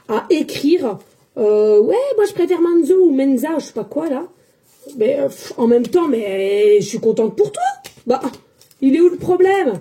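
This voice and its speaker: A woman speaks with a high but mellow, warm voice. She talks casually and defensively to her viewers as a psychic medium, repeating herself and dropping in fillers. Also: slight background noise. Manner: defensive, repetitive, many "hein" and fillers. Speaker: psychic medium giving tarot readings. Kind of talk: casual spoken monologue to viewers.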